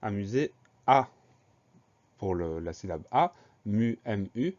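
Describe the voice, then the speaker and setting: Patient low-voiced man spelling words aloud. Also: expressive, slow, a little mellow. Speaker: teacher. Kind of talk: spelling lesson for children. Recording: dull lo-fi recording.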